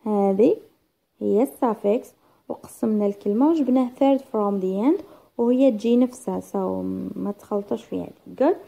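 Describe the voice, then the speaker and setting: A woman's voice: medium pitch, gravelly, dark tone, breathy edge. A woman with an Algerian accent teaching an exam-prep lesson, mixing dialect with English terms and counting syllables aloud. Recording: tinny phone-like sound.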